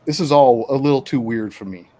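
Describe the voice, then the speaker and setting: Man doing a fed-up gruff bartender. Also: medium pitch, brisk, mellow, close to an everyday voice. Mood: exasperated. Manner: exasperated, fed up. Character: gruff weary male bartender.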